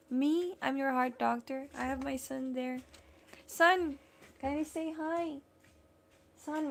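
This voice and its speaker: Host, Filipino accent, woman; slightly high, gravelly voice, casual and filler-heavy chat. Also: darkish tone, a little hiss or hum. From Philippines. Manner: chatty, greets and thanks viewers by name, many fillers. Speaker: vlogger hosting a live stream. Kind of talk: casual live-stream chat.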